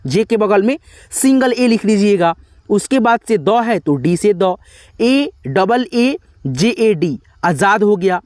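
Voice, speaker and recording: Patient man spelling words out slowly. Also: sits high, no room sound, clean studio sound. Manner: keeps saying "friends" and "okay" to check in with viewers. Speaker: online teacher. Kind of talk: step-by-step spoken lesson.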